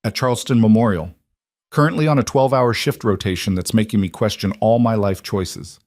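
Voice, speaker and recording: A man's voice: fairly low pitch, a little fast, a little mellow, dry recording, clean studio sound, lightly acted. A man voicing a tired woman doctor with a slight Southern accent, polite and apologetic. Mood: weary, apologetic.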